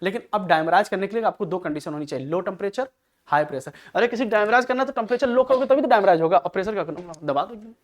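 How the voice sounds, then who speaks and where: A man's voice: high voice, lively intonation, racing. A male chemistry teacher giving an exam-prep lecture. He keeps asking rhetorical questions and answering them himself, and calls his students "beta". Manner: addresses students affectionately as "beta".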